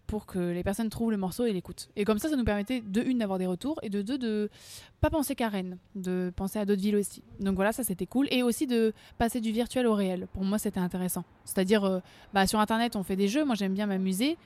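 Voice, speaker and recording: A woman's voice: mid-range voice, fast talker, darkish tone, dry recording. A young woman singer talking casually in an interview, chatty, laughing often, full of fillers and restarts. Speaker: singer guest.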